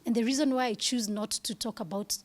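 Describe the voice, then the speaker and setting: A woman's voice: fairly high pitch, fairly quick. A woman in her thirties, speaking candidly as an interview guest, earnest and at times dropping to a whisper.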